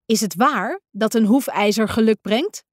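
A woman's voice: fairly high pitch, measured pace, dry recording, studio quality. A woman voicing a cheerful, eager male friend in a children's story, with a chatty manner.

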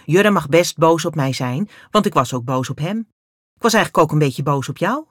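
A woman voicing a stern, bossy young girl who calls out loudly in a high voice. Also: animated, normal speed, breathy edge, no room sound, clean studio sound. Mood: earnest.

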